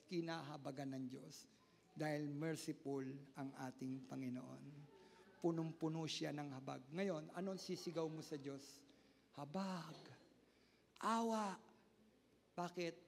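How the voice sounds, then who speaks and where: A male pastor preaching an impassioned sermon, swinging between loud high outbursts and quiet low lines, mixing in English words. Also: vocal fry, in a large hall. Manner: mixes Filipino with English words.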